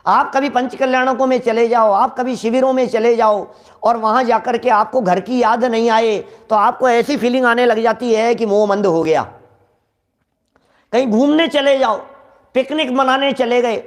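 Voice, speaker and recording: A man with a notably high voice delivers a scripture sermon in an animated, conversational way. He speaks directly to his listeners and repeats key lines for emphasis. Now and then he acts out everyday exchanges to make his point. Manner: animated, acts out quoted dialogue from daily life. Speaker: Jain scripture lecturer.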